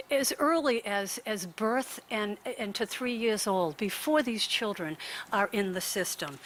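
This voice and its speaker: A woman's voice: mid-range voice, fairly bright tone. A woman giving an earnest prepared talk on a conference panel, hurrying and often restarting her words. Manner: earnest, rushed, with frequent restarts. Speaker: panel speaker. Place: conference room.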